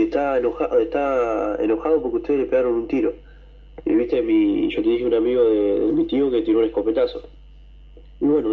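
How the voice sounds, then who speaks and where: A man with an Argentine accent, telling a story to a radio show, excited and rambling, with coughs and throat clearing. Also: mid-range voice, dull audio. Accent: Argentine Spanish. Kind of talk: casual storytelling.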